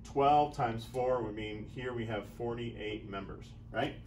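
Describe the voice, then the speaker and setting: A man's voice: medium pitch, measured pace, heavy background noise. A man in his thirties giving a casual whiteboard business lesson, thinking aloud as he works through sums, on a lapel mic in a small room. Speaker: chiropractic business coach.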